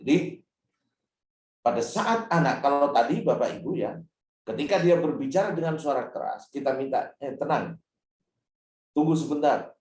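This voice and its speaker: A male Islamic preacher giving a parenting lecture, animated and speaking directly to the parents in his audience. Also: fairly high pitch, normal speed. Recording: roomy hall, mic at a distance.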